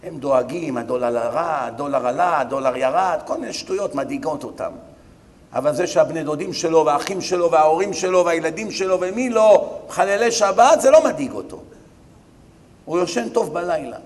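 High-voiced rabbi preaching in a reverberant hall. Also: male voice, animated. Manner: dramatic preaching, swinging between loud outbursts and hushed asides; addresses the audience directly with rhetorical questions. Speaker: rabbi giving a lecture. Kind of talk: sermon.

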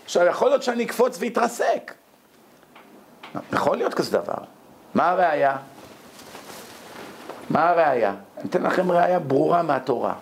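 Man, Torah lecture, high voice, lively rhetorical questions. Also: vocal fry, long pauses, a little hiss or hum. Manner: animated storytelling, rhetorical questions.

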